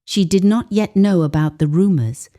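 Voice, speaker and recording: A storyteller with a lowish, dark-toned voice narrates a scripted folktale. She delivers it in a measured, deliberate and dramatic manner, letting pauses carry weight.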